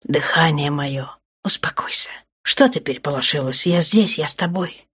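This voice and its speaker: Brief: female reader voicing a soft-spoken, teasing male dark lord, low and hushed, audiobook. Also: expressive, moderate pace, slightly rough. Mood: tender. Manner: low, soft and purring, often near a whisper. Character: smug, teasing dark male lord, wounded but playful.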